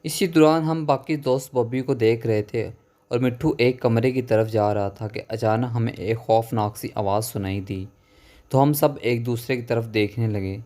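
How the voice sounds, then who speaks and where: A man reading a horror story aloud as a storyteller, in a steady, even narration. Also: medium pitch.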